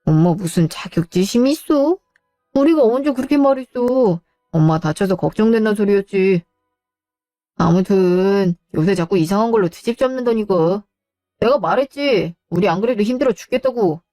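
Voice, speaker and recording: A woman's voice: medium pitch, lively intonation, normal speed, dark tone, dry recording, studio quality, soft background music, close to an everyday voice. A woman voicing a grown son in a radio drama, an overworked civil servant who complains in a whiny, defensive way. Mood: whining.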